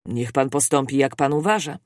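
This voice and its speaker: A reader voicing a calm, composed English gentleman who speaks in a measured, even way. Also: mid-range voice, no room sound, clean studio sound, pitched below the performer's own voice, close to an everyday voice. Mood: calm resolve. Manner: measured and cool.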